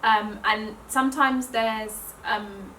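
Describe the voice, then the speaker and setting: A woman's voice: fairly high pitch, fairly even intonation, takes it slowly, pushed and bright, a little hiss or hum. A student woman speaking reflectively in an interview, with many casual fillers. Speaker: fashion design student. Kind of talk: documentary interview. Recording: roomy, mic set far off.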